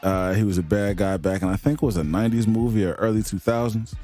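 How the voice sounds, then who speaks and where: A man's voice: on the low side, quick pace, warm tone, faint music behind. A man co-hosting a casual podcast, running down his top five villains in a laid-back, drawling way. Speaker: podcast co-host.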